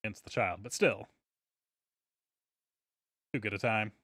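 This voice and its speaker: A young man co-hosting a casual podcast, making dry deadpan jokes among friends. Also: lowish voice, slow, breathy edge, dry recording. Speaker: podcast co-host.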